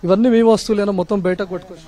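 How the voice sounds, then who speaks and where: A man's voice: high voice, fairly even intonation, dark tone. A man reporting live and urgently from a flooded neighborhood outdoors. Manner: urgent, rapid, emphatic. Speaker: field reporter.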